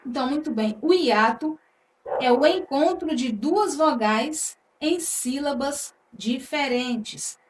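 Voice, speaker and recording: Brief: woman, teacher, high bright pitch, unhurried patient delivery, echoey room mic set back. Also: expressive, far from the mic. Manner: slow, patient, drawn-out words, frequent "tá?". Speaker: Portuguese teacher. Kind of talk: exam-prep grammar lesson.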